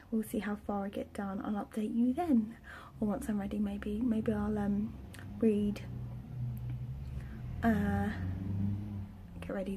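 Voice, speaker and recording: A woman's voice: medium pitch, mellow, slight background noise. A young woman in her twenties whispering a casual home vlog with a slight sore throat, rambling with lots of fillers and restarts. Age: 20s. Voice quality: whispering, breathy. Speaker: vlogger. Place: home, indoors. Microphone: close camera.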